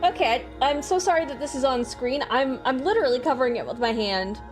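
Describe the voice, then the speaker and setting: High-voiced woman streaming a game. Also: animated, fairly quick. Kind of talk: casual live let's play commentary with dialogue read aloud. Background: game music.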